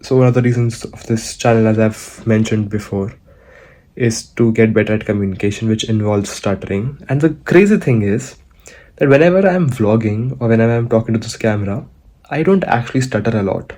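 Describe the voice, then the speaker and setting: A young man from India walks outdoors and vlogs in a lowish, dark voice, talking fairly quickly. His chat to the camera is loose and conversational, full of fillers and restarts.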